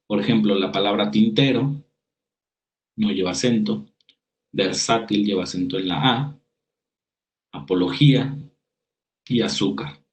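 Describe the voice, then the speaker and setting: Low-voiced man teaching spelling rules. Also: unhurried, long pauses, low-quality recording. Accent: Mexican Spanish. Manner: reads definitions aloud, then explains with examples and small restarts. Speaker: writing workshop instructor. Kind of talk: spoken lecture over slides.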